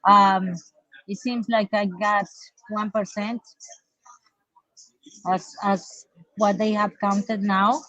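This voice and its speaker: A woman's voice: mid-range voice, level tone, takes it slowly, pauses often, a bit bright, no echo. A woman calling in over a Bluetooth headset mic as a congressional candidate, talking hesitantly with many fillers. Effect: remote call over a Bluetooth headset mic. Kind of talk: casual remote interview. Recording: dull lo-fi call audio.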